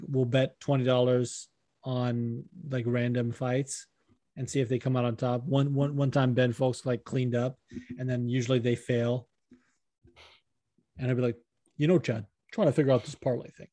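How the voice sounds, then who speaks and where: A man's voice: mid-range voice, warm tone, dry recording. A man hosting a podcast, chatting casually and rambling, swearing often. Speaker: podcast host.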